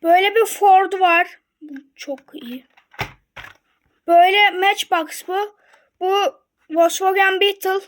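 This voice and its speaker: A young woman, chatting excitedly to her viewers as she unboxes and shows off toy cars. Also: extremely high pitch, takes it slowly, pauses often, a little hiss or hum. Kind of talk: casual unboxing chat.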